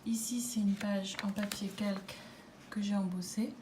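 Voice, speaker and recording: A woman presenting a handmade scrapbook album in a casual way, pausing often with fillers and restarts. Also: mid-range voice, flat delivery, noisy background. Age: adult with a daughter. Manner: hesitant, many fillers and restarts. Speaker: scrapbooking vlogger. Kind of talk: casual craft show-and-tell.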